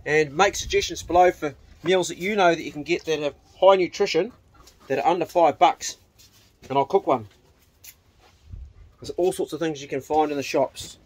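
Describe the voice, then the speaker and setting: This middle-aged man vlogs around his house, in the kitchen, yard and glasshouse, speaking to a phone held at arm's length. His voice is a little high and his speed normal, broken by long pauses, and he talks in a broad New Zealand accent with a laid-back, blokey, slangy style.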